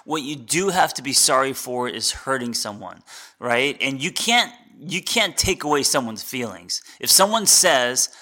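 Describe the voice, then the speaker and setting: A man talks through his advice as a life coach, unrehearsed and earnest, often restarting his sentences. His voice is bright and forward, at a middle pitch for a man. He speaks plainly, with the odd swear word. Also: expressive, measured pace. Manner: earnest, conversational, frequent restarts. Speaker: life coach and podcast host. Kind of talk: unscripted solo advice talk.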